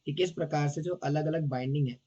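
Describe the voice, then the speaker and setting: A hoarse man teaching a devotional scripture class in a casual, chatty way, often teasing and checking in with his listeners. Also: fairly high pitch, steady tone, a little fast, mellow, dull audio.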